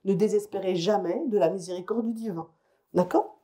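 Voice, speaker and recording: A woman psychologist speaks to a room of parents in a mellow, warm voice. Her lecture is explanatory and conversational, and she keeps checking that everyone follows. Her pitch sits in a typical middle range for a woman. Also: a little fast. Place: lecture hall or conference room.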